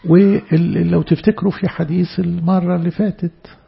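A man with an Egyptian Arabic accent preaching a church sermon, stressing words loudly and then dropping into soft asides. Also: high voice, little pitch movement, moderate pace, gravelly, slightly rough, highs cut off. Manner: emphatic, swinging between loud stresses and soft asides.

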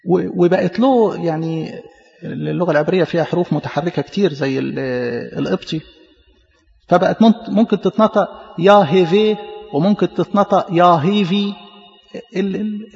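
Delivering a teaching sermon with an Egyptian Arabic accent, a man speaks quickly in a high, gravelly, slightly mellow voice. He explains emphatically and trips over repeated syllables, while the muffled audio carries a long hall echo.

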